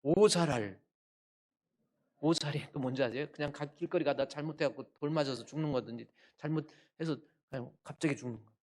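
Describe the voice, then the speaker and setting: A male pastor delivering a Sunday sermon, emphatic and full of rhetorical questions, jumping between loud outbursts and quiet asides. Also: a little high, fairly even intonation, fast, hardly any pauses. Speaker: senior pastor.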